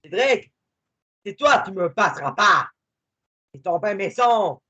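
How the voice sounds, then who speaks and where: Man, gaming commentary, bouncy voice swinging all over, dull lo-fi sound. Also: high voice. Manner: excitable, quick swings between muttering and shouting. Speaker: gamer playing with a friend.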